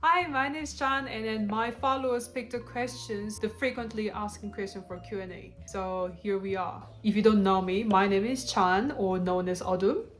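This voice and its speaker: A woman's voice: medium pitch, moderate pace, hardly any pauses, soft background music. A young adult woman from South Korea with a Korean accent, chatting bluntly in a couple's Q&A video. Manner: chatty, blunt, laughs often. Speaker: co-host of a couple channel. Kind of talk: casual Q&A chat.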